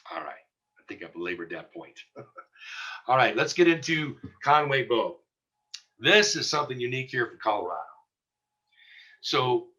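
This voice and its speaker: The sound is lo-fi as a man with a mid-range, bright, forceful voice leads a real estate class. He talks conversationally, with plenty of fillers and restarts, and performs little dialogues to make his points.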